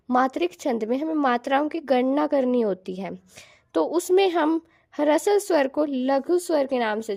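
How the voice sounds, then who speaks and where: A woman teaching a Hindi grammar lesson, explaining patiently, restating each point and slowly sounding out letters as examples. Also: sits high, vocal fry, a little mellow.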